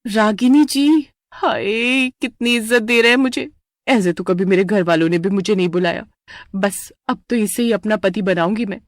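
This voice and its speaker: A woman voicing a young new bride in an animated story, dramatic, tired and full of sarcastic complaints. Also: mid-range voice, no echo, studio quality, lightly acted. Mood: giddy. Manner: exaggerated, complaining, quick sarcastic jokes.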